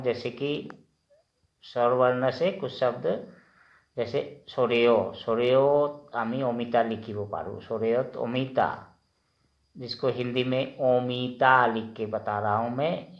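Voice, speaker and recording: A man teaching vowel sounds, saying each sound slowly and repeating it several times. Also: medium pitch, echoey room, highs cut off. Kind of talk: slow language lesson.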